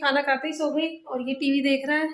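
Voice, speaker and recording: High-voiced chatty mother vlogging at home. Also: level tone, a little fast. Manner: chatty, scolds children gently. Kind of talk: casual home vlog chat. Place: home indoors.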